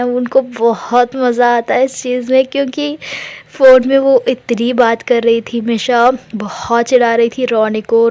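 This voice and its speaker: A young woman telling a romance story in a casual, chatty way, with rambling asides and English words mixed in. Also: a little high.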